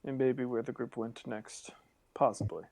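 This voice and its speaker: A young man with a gravelly edge to his voice plays his character in a tabletop game. He talks in a dry, self-assured way, at an ordinary middle pitch. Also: fairly even intonation, normal speed, mellow. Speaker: player.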